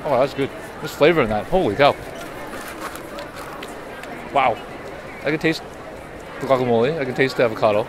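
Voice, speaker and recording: A man in his thirties hosts a casual food-tasting street interview video in a busy indoor expo hall, talking through each bite and reacting aloud. His medium-pitched voice moves at a moderate pace with frequent pauses, picked up on a handheld mic over crowd chatter and hall noise.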